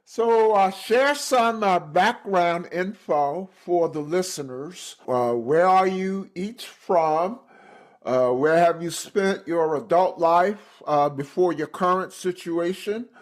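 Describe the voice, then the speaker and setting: A man's voice: sits high, slow pace. A man hosting a podcast, reading an enthusiastic introduction and then asking questions with some hesitation. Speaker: podcast host. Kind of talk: podcast interview. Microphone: remote call setup.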